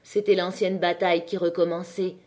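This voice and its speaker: A woman narrating an audiobook of a classic novel with a measured, expressive reading. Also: lowish voice.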